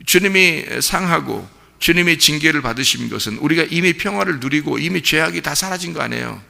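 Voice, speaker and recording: A man's voice: fairly high pitch, animated, brisk, vocal fry, pushed and bright, big-room sound. A male pastor giving an early-morning sermon in a folksy, conversational way, acting out a mother and child in short quoted voices. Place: church sanctuary.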